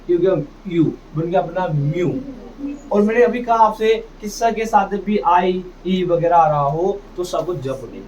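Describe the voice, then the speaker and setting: Picked up by a distant, dull mic with faint noise, a man with a high, somewhat mellow voice leads a phonics class. He sounds out English words, drills pronunciation, and asks questions that he answers on his own.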